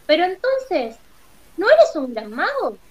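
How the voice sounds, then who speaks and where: Storybook girl read by a woman, earnest and questioning, high. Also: wildly swooping pitch, slow, highs cut off, heavily acted. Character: brave young girl heroine.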